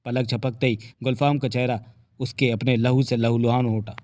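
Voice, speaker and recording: A man's voice: medium pitch, flat delivery, normal speed, a little mellow, dry recording, clean studio sound. A man narrating a novel aloud with vivid, dramatic storytelling. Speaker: audiobook narrator.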